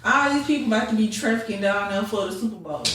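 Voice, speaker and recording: A woman co-hosting a podcast, ranting loudly and casually with plenty of profanity. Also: mid-range voice, fast, distant mic. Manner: loud, animated ranting with profanity. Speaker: podcast co-host. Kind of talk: casual chat. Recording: echoey room, off-mic, light noise.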